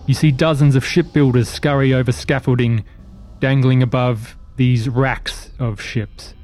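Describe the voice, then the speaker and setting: A man narrating a sci-fi tabletop game as game master, setting scenes in a measured, descriptive way. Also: mid-range voice, darkish tone.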